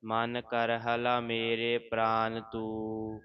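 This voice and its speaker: A man reading scripture aloud line by line in a slow, even, chant-like recitation. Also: mid-range voice, smooth, no room sound. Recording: dull lo-fi audio.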